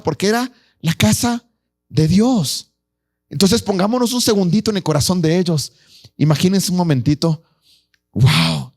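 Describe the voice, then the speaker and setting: Male pastor with a high voice, preaching an animated sermon and quizzing the congregation. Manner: animated, acts out voices of the people in the story; asks the congregation questions.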